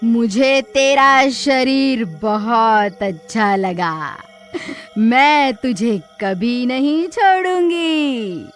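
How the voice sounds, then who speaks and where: A woman voicing a vengeful female witch spirit in a cartoon story, shrill and menacing. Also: lively intonation, drawn-out words, faint music behind, heavily acted. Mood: gloating.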